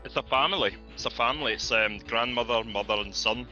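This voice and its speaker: A man in casual stream chat, laughing often and pausing with lots of fillers as he talks about his dogs. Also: mid-range voice. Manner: chatty, laughs often, hesitant with many fillers. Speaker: streaming community member. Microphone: headphones with mic. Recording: dull lo-fi voice call with game music.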